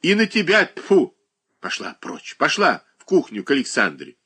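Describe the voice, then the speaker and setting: A man voicing a capricious, childish young married woman who whines and pouts in a high, drawn-out voice. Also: big pitch swings, fairly bright tone, breathy edge, heavily acted. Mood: petulant scolding.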